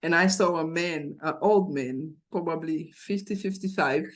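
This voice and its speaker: A woman's voice: low-pitched, moderate pace. A woman in her forties from Haiti with a Haitian accent, speaking as an interview guest, thoughtful and earnest, often restarting her sentences as she tells her story.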